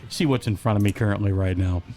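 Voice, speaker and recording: A man's voice: lowish voice, quick pace, mellow. A man co-hosting a casual podcast, joking and rambling, listing things off on a webcam. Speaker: podcast co-host. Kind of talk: casual chat. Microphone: webcam setup.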